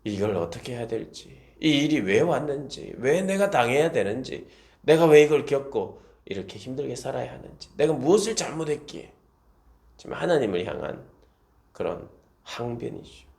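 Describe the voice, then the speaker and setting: A man's voice: medium pitch, very animated, moderate pace, creaky, a little mellow. A man, a pastor, giving a devotional Bible reflection, explaining scripture and paraphrasing quotes.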